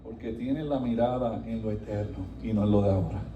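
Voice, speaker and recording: A male pastor preaching a sermon with animated delivery, swinging between soft passages and emphatic, rising lines. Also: on the low side, fairly quick, highs cut off, slight background noise. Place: church sanctuary. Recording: echoey room, voice from a distance.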